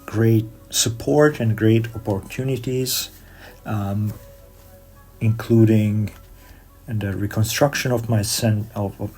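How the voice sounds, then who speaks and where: A middle-aged Hungarian man, a guest organist and composer, answering interview questions in measured English with frequent pauses and fillers. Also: fairly low pitch, fairly even intonation, a little mellow, soft background music.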